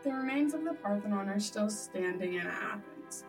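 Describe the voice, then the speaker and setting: A woman's voice: mid-range voice, normal speed. Woman reading a school presentation. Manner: steady, reads out facts. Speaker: class presenter. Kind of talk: read-aloud school presentation. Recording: distant mic with music behind.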